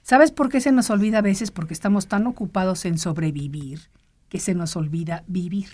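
A woman's voice: lowish voice, brisk, a little mellow. A woman hosting an interview, affirming her guest with frequent short agreements and asking questions. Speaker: host.

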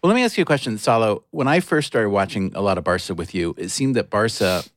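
A man's voice: fairly low pitch, expressive, fast talker, dry recording, clean studio sound. A man co-hosting a casual podcast, asking curious, easygoing questions. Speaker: podcast co-host.

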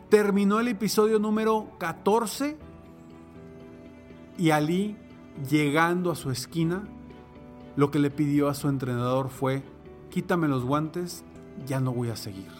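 A man hosting a motivational podcast, telling stories in an emphatic motivational-speech style with dramatic pauses. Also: fairly high pitch.

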